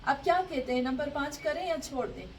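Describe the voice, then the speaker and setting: A woman teaching Quran recitation rules in an online class, patiently drilling pronunciation and repeating words slowly. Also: sits high. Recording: distant mic with faint background noise.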